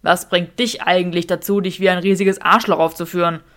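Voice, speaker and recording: A woman's voice: fairly low pitch, fairly even intonation, normal speed, fairly bright tone. Woman doing Draco, snappish young wizard. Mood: irritated. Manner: clipped and snappish, raised voice. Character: wizard man Draco, irritable, proud, jealous.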